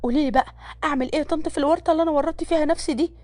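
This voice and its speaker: Lady doing a high-pitched young egyptian maid, scared but talks back, super quick. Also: fairly even intonation, a little mellow, lightly acted. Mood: pleading.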